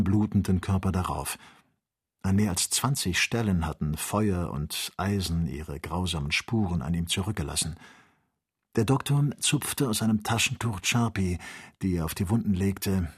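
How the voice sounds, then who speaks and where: A man reading an adventure novel aloud as an audiobook, with measured, expressive storytelling. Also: deep voice, husky. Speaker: audiobook reader. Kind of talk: scripted audiobook narration.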